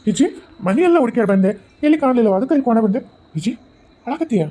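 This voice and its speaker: A man's voice: very high-pitched, animated, fast, dark tone, rough recording. A man with a North Karnataka accent voicing a doting, playful young husband in a cartoon who teases affectionately. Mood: concerned. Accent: North Karnataka Kannada. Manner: teasing, affectionate. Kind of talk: cartoon voice acting.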